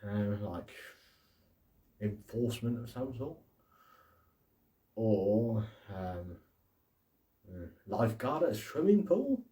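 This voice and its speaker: Jokey guy rambling on his podcast, kinda low voice, mic a bit far off. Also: animated, slow, long pauses, mellow, reverberant. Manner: rambling and jokey, laughs often, acts out little quotes. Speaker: podcast host. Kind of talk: casual solo chat.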